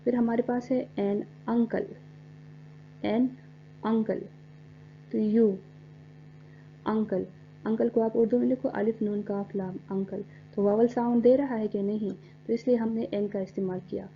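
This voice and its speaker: A woman teaching an English grammar lesson, explaining step by step and spelling words out letter by letter, reading English examples slowly. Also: on the high side, steady tone. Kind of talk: recorded classroom lecture. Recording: dull lo-fi recording with faint hum.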